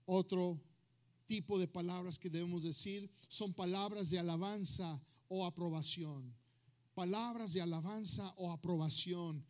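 A man's voice: sits high, a little slow. A male pastor preaching a sermon to his congregation, switching between two languages and asking the listeners questions. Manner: switches between Spanish and English, asks the crowd questions.

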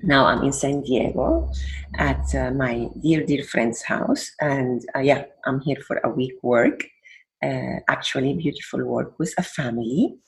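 Gravelly older Venezuelan-accented woman. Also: extremely low pitch, a little slow. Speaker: guest counselor. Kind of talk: interview conversation.

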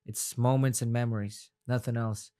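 With a mellow, medium-pitched voice and fairly even intonation, a young Afghan guest fighter talks at a moderate pace in a relaxed interview. English isn't his first language, Farsi is, and he rambles, repeating words sincerely.

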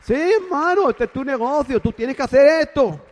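A man's voice: extremely high pitch, lively intonation, moderate pace, long reverb tail, pitched above the performer's own voice. A man putting on the voice of a breezy Cuban businessman, brash and chummy, with a Cuban accent. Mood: insistent. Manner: brash, chummy, calls everyone brother.

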